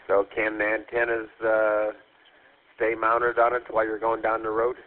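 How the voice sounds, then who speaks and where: A man's voice: fairly low pitch, monotone, moderate pace. Matter-of-fact man on two-way CB-style radio, thin and lightly staticky. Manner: brief, matter-of-fact questions. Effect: two-way CB-style radio transmission. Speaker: amateur radio operator. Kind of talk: casual radio chat. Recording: tinny radio line with faint static.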